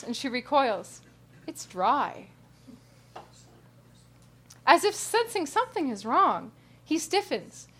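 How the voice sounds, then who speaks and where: Slow, measured woman narrator. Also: sits high, a bit bright. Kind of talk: scripted narration.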